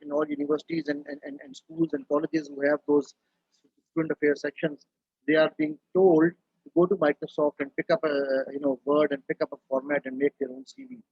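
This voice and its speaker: A man's voice: fairly high pitch, vocal fry, breathy edge, no room sound, muffled recording. A middle-aged man from Pakistan, speaking as a webinar panelist in an earnest, emphatic way, full of rhetorical questions. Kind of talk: panel talk.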